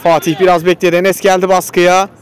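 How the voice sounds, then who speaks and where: With a high-sitting, smooth voice and a slightly fast pace, a man gives clipped live play-by-play of a football match, identifying the players. He gets louder and more excited at shots and goals.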